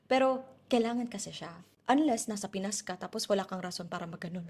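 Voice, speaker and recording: A woman from the Philippines, a teacher, talks with a loud, strong voice. She chats in a lively way, laughs easily and slips English into her speech. Her pitch sits in a middle range. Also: quick pace. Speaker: teacher guest. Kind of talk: casual interview chat.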